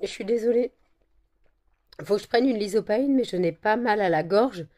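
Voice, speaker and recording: A woman with a croaky voice from a cold, chatting casually to camera with many fillers and repeated words. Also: moderate pace, warm tone. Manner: coos at her dogs in a high sing-song. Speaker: vlogger selling handmade candles and wax melts.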